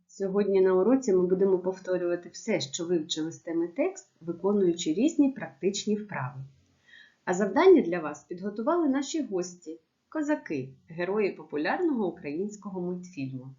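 Measured woman teacher, lowish voice. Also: very animated, dark tone, muffled recording. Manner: clear, measured teacher instructions. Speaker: primary school teacher. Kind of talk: remote lesson narration.

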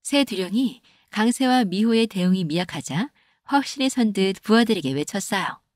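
A woman narrating a comic folktale animation in a gentle storytelling cadence. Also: medium pitch, lively intonation, normal speed, no echo, studio quality.

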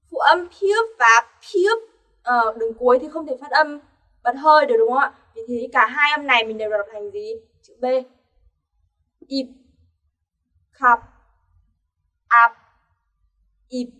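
A woman's voice: high voice, bright, forceful tone, distant mic. A woman teaching an online language lesson, explaining patiently and asking her learners rhetorical questions.

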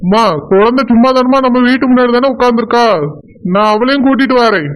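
A gentle young village husband. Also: male voice, very high-pitched, quick pace, heavy background noise. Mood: pleading. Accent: Tirunelveli Tamil. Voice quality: soothing, reassuring. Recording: dull lo-fi sound.

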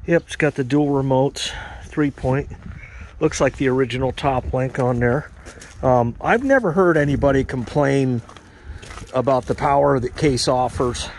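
A man's voice: mid-range voice, a little slow, a little hiss or hum. A man giving a casual, rambling walk-around commentary outdoors at a snowy equipment auction lot, talking into a handheld camera. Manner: relaxed, rambling, uses fillers. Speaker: farm equipment vlogger.

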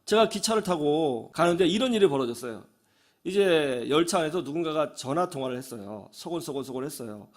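Animated high-voiced male preacher. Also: brisk. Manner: animated storytelling, acts out quoted voices. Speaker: pastor. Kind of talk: radio sermon. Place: radio studio.

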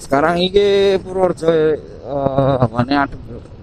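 Animated and on the high side, a man's voice moves at a moderate pace as he vlogs from his motorbike on country roads. He has a Central Javanese accent and jokes, chats, and talks to himself with frequent laughter, while wind and engine noise roar loudly.

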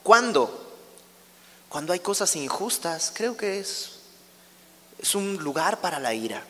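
A man's voice: high-pitched, big pitch swings, takes it slowly, fairly bright tone, big-room sound, a little hiss or hum. A man teaching a verse-by-verse Bible study in a conversational way, often asking his listeners questions. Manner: conversational, asks the audience questions.

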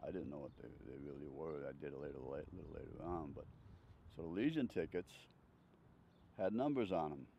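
Older man, deep and gravelly, telling his life story with chuckles; outdoors on a handheld mic. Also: fairly quick, dark tone. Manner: chuckling, rambling anecdotes with frequent laughs. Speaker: interviewee. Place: outdoors on a bench. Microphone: handheld furry-windscreen mic held near chest. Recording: slightly dull sound, faint outdoor noise.

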